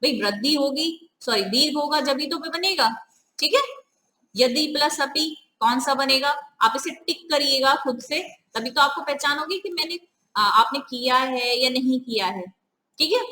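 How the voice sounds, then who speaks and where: Woman, teacher, clear bright voice, explains step by step, asks questions. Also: high-pitched, echoey room, poor audio. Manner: repeats "ठीक है", asks the viewers questions.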